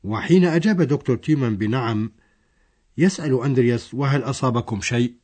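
A man's voice: mid-range voice, quick pace, a little mellow. A man narrating a scripted language lesson, explaining a dialogue step by step.

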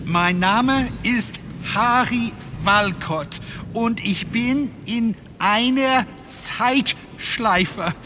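A man playing an earnest hero caught in a time loop in an audio drama, speaking slowly and deliberately. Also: very high-pitched, background noise, full character voice. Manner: slow, deliberate, then urgent. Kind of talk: audio drama for language learners.

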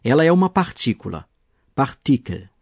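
A man's voice: mid-range voice, big pitch swings, normal speed, a little mellow, dry recording. A man acting as a teacher, patiently explaining grammar in a scripted radio lesson. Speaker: language teacher.

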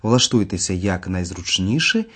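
Male course narrator, husky, animated pitch, scripted. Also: normal speed. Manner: clear, explanatory. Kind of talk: scripted radio-lesson narration.

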